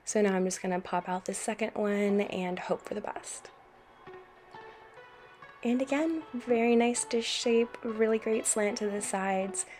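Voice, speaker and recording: An American woman narrates a craft tutorial in a mellow, warm voice of medium pitch, speaking a little slowly. She walks through each step calmly and easily as soft music plays quietly underneath. She hosts a craft channel.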